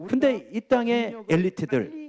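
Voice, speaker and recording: A man's voice: extremely high pitch, very animated, unhurried, gravelly, a crowd in the background. A middle-aged male pastor preaching a sermon, telling a story and acting out the quoted lines.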